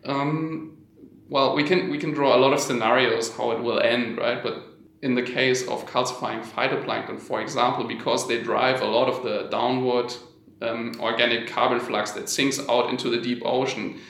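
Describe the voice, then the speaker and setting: A man from Germany, a research scientist, explaining his field in a measured way as an interview guest. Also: mid-range voice, fairly even intonation, a bit bright. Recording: roomy, echoing sound.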